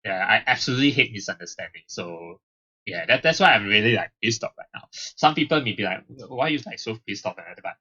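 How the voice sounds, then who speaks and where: A man's voice: lowish voice, lively intonation, a little fast, breathy edge, highs cut off. A man giving casual, exasperated commentary while playing a visual novel, ranting and laughing. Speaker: let's play host. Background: loud game music.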